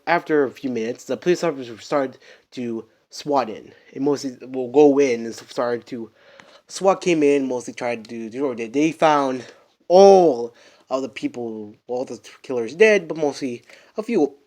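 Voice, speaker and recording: A man telling an improvised story from home, rambling and halting, with many restarts and fillers. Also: medium pitch, darkish tone.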